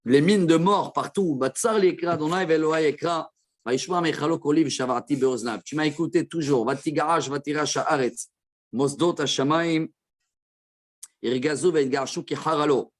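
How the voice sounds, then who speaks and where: A man teaching a Torah class as a rabbi, explaining verses with quick asides to his listeners. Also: a little high. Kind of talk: Torah lesson.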